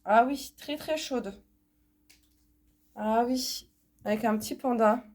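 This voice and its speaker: Her fairly high voice has a darkish tone and a slow delivery, made nasal by a cold and a blocked nose. The vlogger chats casually through her haul unboxing, full of fillers and repeated words.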